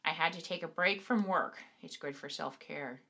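A woman's voice: low voice, normal speed, creaky, pushed and bright, husky. A woman co-hosting a podcast, chatting casually and offering supportive, encouraging words. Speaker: podcast co-host. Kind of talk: casual chat.

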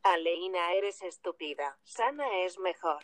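A synthetic female text-to-speech voice from a translation app, reading short phrases in a steady, evenly spaced way. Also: on the low side, moderate pace.

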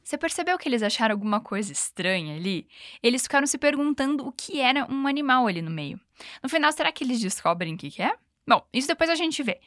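Upbeat teacher with a higher voice. She sounds playful on a dry, close mic and hosts a podcast lesson. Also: very animated, fairly bright tone, no room sound. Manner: upbeat, playful, switches between Portuguese and slow English examples. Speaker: English teacher and podcast host.

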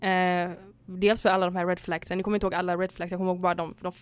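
Smooth-voiced young Swedish woman telling a story. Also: fairly low pitch, flat delivery, no room sound. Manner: retells stories acting out both sides, mixing in English phrases. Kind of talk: casual chat.

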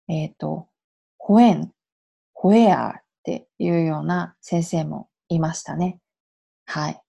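A woman's voice: lowish voice, creaky, warm tone, breathy edge. A Japanese woman in her thirties hosting a solo podcast as an English coach, explaining in a chatty way and dropping in little affirming asides. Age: 30s. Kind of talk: casual solo podcast advice.

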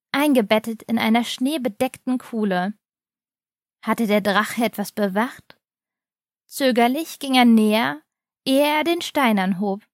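A woman reading a children's advent story aloud in a calm, steady storybook manner. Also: a little high, no room sound, clean studio sound.

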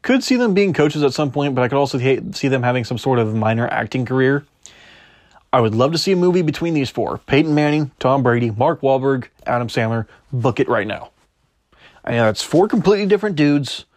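Young male podcast host, chatty and rambling, mid-pitched, dry close-mic read. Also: lively intonation, fairly quick, no echo. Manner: rambling, self-correcting, chatty. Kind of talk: solo podcast sports chat, reading news aloud.

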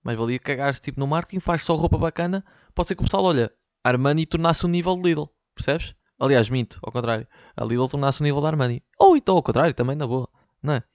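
A man's voice: medium pitch, fast talker, dry recording, lo-fi sound. A man with a Lisbon Portuguese accent hosting his own podcast from his bedroom, rambling and joking with lots of slang and swearing. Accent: European Portuguese, Lisbon slang. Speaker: podcast host. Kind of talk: casual solo podcast rant. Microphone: studio mic, sometimes off-axis.

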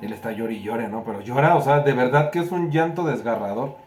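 A man's voice: mid-range voice, brisk, reverberant, slight background noise. A man in casual chat as a podcast co-host, retelling a story and often tagging his sentences with a questioning "right?". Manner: retells stories, tags sentences with "¿no?".

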